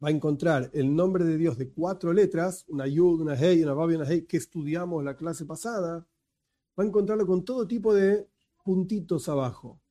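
A man's voice: a little high, normal speed, dark tone. A man with an Argentine accent giving a conversational lecture as a teacher, explaining patiently and slipping in joking asides. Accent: Argentine Spanish.

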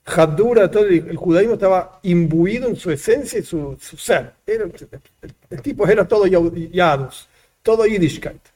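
Male teacher, mellow tone, reads a passage and then explains it. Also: high-pitched, moderate pace. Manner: reads a line aloud, then explains it with repeated examples. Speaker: rabbi teaching a text. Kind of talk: religious lesson, reading Hebrew and explaining in Spanish.

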